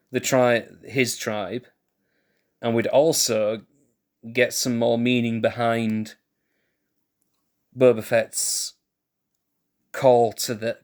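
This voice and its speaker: Slow, musing male streamer. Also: mid-range voice, clean tone. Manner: musing, thinks aloud with restarts and self-corrections; laid-back, chuckles at himself. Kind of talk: casual live-stream chat while building.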